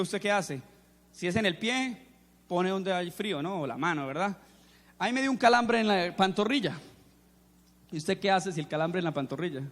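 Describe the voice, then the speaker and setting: Man preaching in an echoey hall. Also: high voice. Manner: storytelling, animated, quizzes the audience. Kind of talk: sermon to young people with acted anecdotes. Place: church or seminar hall.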